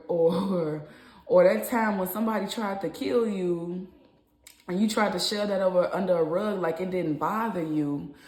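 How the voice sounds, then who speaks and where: A woman's voice: mid-range voice, echoey room. A woman giving a casual spiritual tarot reading, talking animatedly and repeating herself, often breaking into laughs. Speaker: tarot reader.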